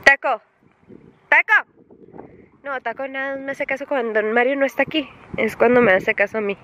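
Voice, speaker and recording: High-pitched woman vlogging outside, chatty, noisy background with animals and cars. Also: quick pace. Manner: chatty, talks straight to viewers, calls out loudly to her dogs. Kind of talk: casual home vlog tour. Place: outdoors on a rural family property. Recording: noisy outdoor recording with animals and vehicles.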